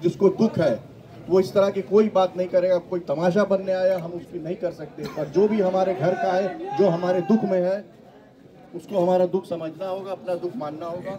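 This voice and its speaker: A man's voice: high-pitched, steady tone, normal speed. Earnest grieving man addressing a crowd. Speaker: family member addressing a crowd. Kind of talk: public appeal to a crowd. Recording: dull sound with crowd noise.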